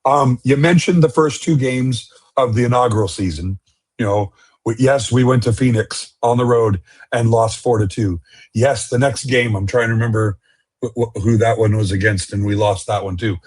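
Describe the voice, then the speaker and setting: A man's voice: medium pitch, husky. A male podcast co-host in a casual sports chat, easygoing and given to joking asides.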